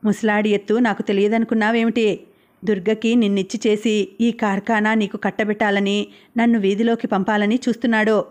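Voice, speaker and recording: A woman voicing a drunk, angry young mechanic who makes menacing threats, read in her own flat voice. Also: high-pitched, a little fast, close to an everyday voice. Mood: drunk, threatening.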